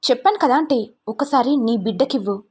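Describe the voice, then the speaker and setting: Retelling a serial, a woman with a fairly high, expressive, slightly rough yet mellow voice takes on the part of a smug young man blackmailing someone. She sneers through it, stretching out her mock-courteous lines.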